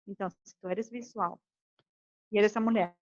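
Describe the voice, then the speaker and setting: A woman's voice: mid-range voice, normal speed, no room sound, lo-fi sound. A woman teaching a class on communication, acting out couples' arguments as she explains. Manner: animated, acts out quoted couples' arguments. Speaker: communication coach. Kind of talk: lecture to a class.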